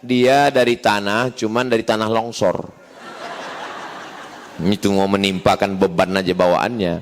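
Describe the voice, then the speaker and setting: A middle-aged man preaching a sermon, a joking storyteller who swings between high bursts and low asides. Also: flat delivery, unhurried, a little hiss or hum. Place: mosque complex hall. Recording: long reverb of a large hall.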